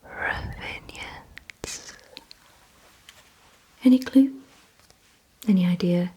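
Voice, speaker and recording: This woman's lowish, dark, mellow whisper is extremely breathy and barely voiced, captured on a close ASMR microphone. She leads a word-guessing roleplay, drawing out instructions slowly, repeating words and pausing often.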